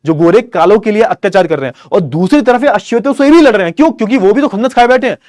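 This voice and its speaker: A man's voice: sits high, lively intonation, racing, a little mellow, no echo, studio quality. A male teacher giving an online class lecture, asking and answering his own questions and repeating key phrases. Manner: repeats key phrases, calls students beta.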